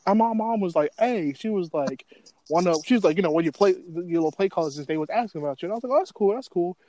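High, fast-talking young American bro. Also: male voice, no room sound. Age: young adult. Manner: animated slangy bro talk, retelling conversations. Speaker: podcast co-host. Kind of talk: casual podcast banter.

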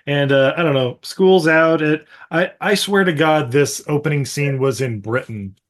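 A young man co-hosts a casual podcast about films, talking loosely and swearing freely as he jokes along. His voice sits a little higher than most men's. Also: normal speed. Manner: loose, profane, joking. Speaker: podcast co-host. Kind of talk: casual movie-review chat.

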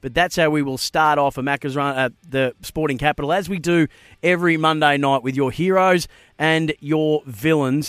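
A man's voice: mid-range voice, a bit bright, smooth, no room sound. An Australian man presenting a live sports talkback show and quiz on radio, close on a studio microphone.

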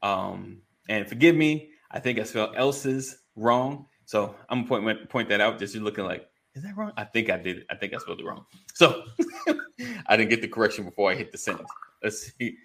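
Male host, low register with plenty of fry, casual colloquial morning radio DJ patter, jokey and chatty. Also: animated, normal speed, fairly bright tone. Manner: informal, colloquial phrasing. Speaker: host of a live online men's community show. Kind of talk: casual, bantering live-stream hosting.

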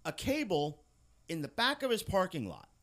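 A man's voice: sits high, normal speed. A man from Pennsylvania hosting a podcast, telling a work story casually and with plenty of swearing. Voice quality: profane, animated storyteller. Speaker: podcast host.

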